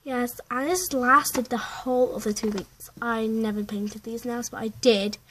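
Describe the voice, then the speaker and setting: A woman's voice: fairly high pitch, a little slow, fairly bright tone, slight background noise. A young girl, around ten years old, chatting through a rambling, stop-start life-update vlog at home, with many fillers. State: out of breath. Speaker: vlogger. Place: at home indoors.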